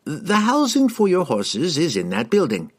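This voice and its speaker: A man voicing an excitable, fussy male wizard who gives eager, rambling explanations in an audiobook. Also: on the high side, a little slow, pitched above the performer's own voice, full character voice.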